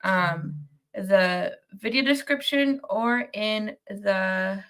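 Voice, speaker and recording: This young woman hosts a casual live-stream post-game show for sports fans despite being ill, her voice nasal from a cold. A podcast host, she wanders from point to point with many ums and restarts, reading viewer comments aloud. She speaks extremely slowly in a mid-range voice, clean and a bit bright.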